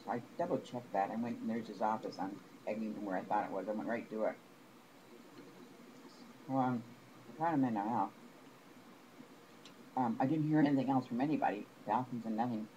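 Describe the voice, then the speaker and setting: An aggrieved man pours out a rambling personal complaint in a lowish voice, stopping and restarting mid-thought. The recording carries a clear layer of background noise. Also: fairly quick, long pauses, mellow, dull audio. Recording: noisy home recording.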